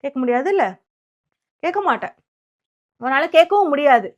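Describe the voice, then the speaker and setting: A woman's voice: high-pitched, animated, normal speed. A woman delivering a combative political commentary monologue, sarcastic and scornful, firing rhetorical questions at her target. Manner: sarcastic and combative, mockingly quoting opponents.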